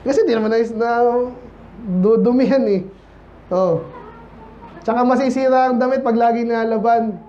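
High-voiced preacher in a casual sermon. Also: male voice, fairly even intonation, moderate pace, long pauses, warm tone, muffled recording, slight background noise. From Philippines. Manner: casual, asks the congregation "di ba?" and "Amen?". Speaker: pastor. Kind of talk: conversational Baptist sermon. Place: church.

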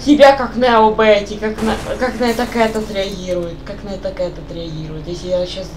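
Against a noisy background, a young woman chats on voice chat as she plays, her mid-range voice steady and at normal speed. She drifts from point to point and asks her questions repeatedly.

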